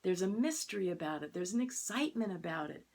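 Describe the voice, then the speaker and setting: Low-voiced older woman minister telling stories. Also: fast. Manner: chatty storytelling, lively quoted voices. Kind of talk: sermon.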